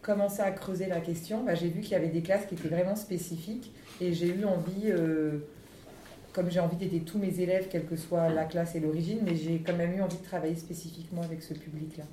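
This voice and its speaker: A woman's voice: fairly low pitch, fairly even intonation, fast talker, warm tone. A woman teacher answering interview questions in a chatty, teasing way, laughing often. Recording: echoey room, distant mic, faint noise.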